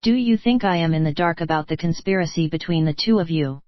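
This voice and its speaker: A woman's text-to-speech voice reading the lines of a fierce, jealous noblewoman who scolds and commands, in a low voice on a dull, dry recording. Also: quick pace, no room sound, natural voice. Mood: scolding.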